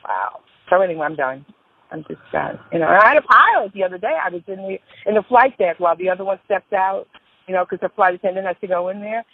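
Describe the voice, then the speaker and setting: A woman speaks in a husky, slightly breathy voice, piling up emphatic asides as her stories wander. The sound comes through a tinny, phone-like line. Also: medium pitch, quick pace. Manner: rambling, emphatic storyteller. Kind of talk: casual phone chat.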